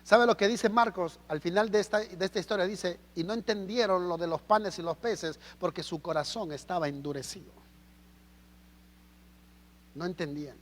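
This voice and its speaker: A Mexican man preaching a sermon as pastor, animated and full of rhetorical questions. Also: high voice, long reverb tail. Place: church hall.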